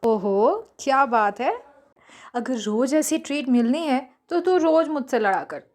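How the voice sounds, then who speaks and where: A woman narrator voicing a lively young woman who is the best friend, teasing and dramatic. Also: high voice, measured pace. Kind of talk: audio story character voice.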